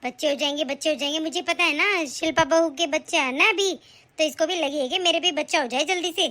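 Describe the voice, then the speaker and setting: A spiteful, bossy mother-in-law, voiced by a woman in an animated family drama. Her voice sits very high and sounds bright and forceful. She taunts and scolds. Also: fast talker. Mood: grumbling.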